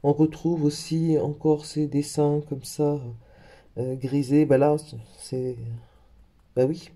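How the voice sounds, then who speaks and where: A man's voice: a little high, level tone, slow, dark tone. A man in a casual craft haul video, talking in a hesitant way with lots of fillers and self-corrections. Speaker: craft vlogger.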